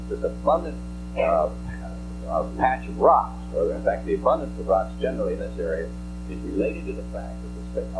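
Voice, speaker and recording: A man with a low voice lectures through a slide presentation. He explains technical detail in a halting, deliberate manner, on an archival recording with hum and musical tones underneath. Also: low-quality recording. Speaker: scientist presenting slides at a press briefing. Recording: archival press-conference audio with hum.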